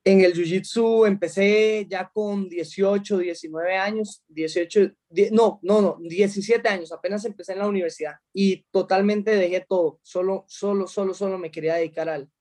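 A high-pitched man from Costa Rica, in his thirties, talks about his life as a fighter. He answers in a halting way, restarting his sentences and filling gaps with small sounds. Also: fairly even intonation, a little mellow. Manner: hesitant, many restarts and fillers. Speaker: mixed martial arts fighter. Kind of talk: interview answers.

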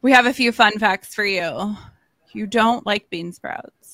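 A woman hosting a casual interview, laughing often and sounding out foreign words slowly and carefully. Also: medium pitch, bright, forceful tone, no echo. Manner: laughs often, slow careful Thai attempts. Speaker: podcast host.

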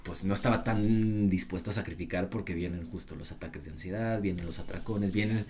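Relaxed man, low voice. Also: brisk, slight background noise. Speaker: podcast host. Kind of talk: casual podcast conversation.

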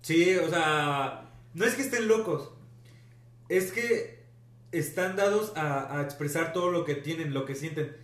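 Young guy from veracruz guesting on a podcast, a bit high voice, chill, echoey room. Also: unhurried, a bit bright. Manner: laid-back, agrees readily. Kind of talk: casual chat. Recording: roomy room echo.

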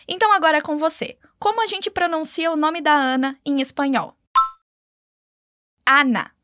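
Woman language teacher, bright high voice, dry studio sound, patient and encouraging. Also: moderate pace, no echo. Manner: patient, encouraging, models phrases for repetition. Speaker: Spanish teacher. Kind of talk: language lesson narration.

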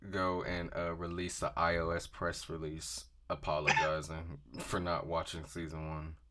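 A man's voice: low-pitched, flat delivery, a little slow, bright, forceful tone, slight background noise. A man co-hosting a casual chat, playful and teasing, often laughing. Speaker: co-host reviewing runway looks.

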